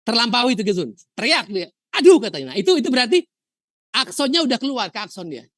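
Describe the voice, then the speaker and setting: A woman from Indonesia teaching a university histology lecture, telling lively stories, asking rhetorical questions and dropping in English terms. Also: on the high side, fast talker, no room sound, clean studio sound. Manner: mixes English terms into explanation.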